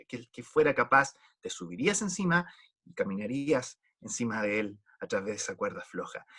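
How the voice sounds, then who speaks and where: A man's voice: medium pitch, fairly bright tone, slightly rough. A man preaching a sermon in an earnest, pleading way, often repeating words as he restarts a thought.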